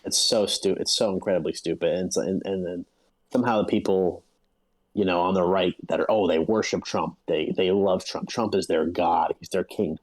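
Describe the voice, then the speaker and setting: Male co-host, low voice, emphatic and incredulous in casual chat. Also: darkish tone, low-quality recording. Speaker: podcast co-host.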